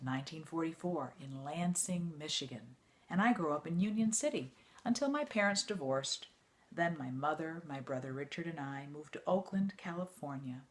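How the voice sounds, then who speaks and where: A deep-voiced woman reads an autobiography aloud the way a teacher would to students, with measured, expressive storytelling.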